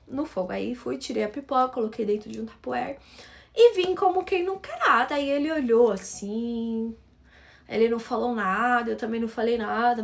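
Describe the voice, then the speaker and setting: Chatty high-voiced woman telling a story. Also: creaky. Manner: chatty, keeps asking "entendeu?". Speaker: storyteller vlogger. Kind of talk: casual storytelling.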